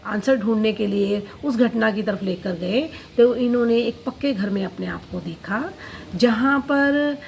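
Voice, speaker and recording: A woman's voice: on the high side, a little slow, creaky, darkish tone, a little hiss or hum, poor audio. A woman therapist telling the story of a client's past-life regression session, quoting the client and herself in turns.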